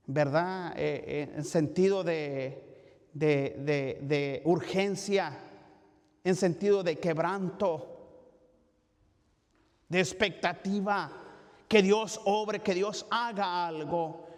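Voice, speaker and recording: A pastor with a fairly high voice leads a Bible study in a church sanctuary, his words echoing long through the room. His intonation stays fairly even as he speaks haltingly, restarting often, filling pauses, and checking in with the congregation by asking "¿verdad?".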